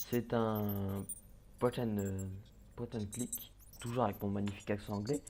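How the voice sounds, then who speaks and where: A young man with a fairly low, dark voice does casual let's-play commentary as a gaming YouTuber. He's hesitant, full of fillers and restarts, and mutters to himself while he plays. Faint background noise sits under the recording.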